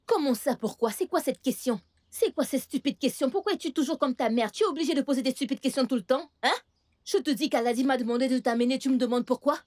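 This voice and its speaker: An actress dubbing a sharp-tongued scheming aunt who scolds and coaxes her niece in a film. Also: a little high, expressive, moderate pace. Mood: scolding. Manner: scolding and bossy, then falsely soothing. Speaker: aunt and guardian. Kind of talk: French dub of a film.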